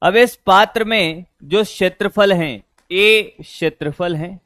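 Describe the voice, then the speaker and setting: Slow-talking high-voiced man teaching. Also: fairly bright tone, dry recording. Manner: repeats questions to students, calls them beta. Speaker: physics teacher. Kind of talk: classroom lecture.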